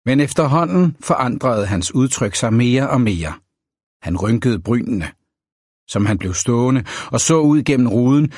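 A man reading a novel aloud as an audiobook narrator, in a measured, even storytelling manner. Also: mid-range voice, husky, dry recording, clean studio sound.

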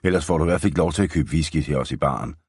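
A man voicing a cautious young cowboy boy who grumbles quickly. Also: very deep voice, darkish tone, slightly rough, no echo, full character voice. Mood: grumbling. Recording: dry close studio sound.

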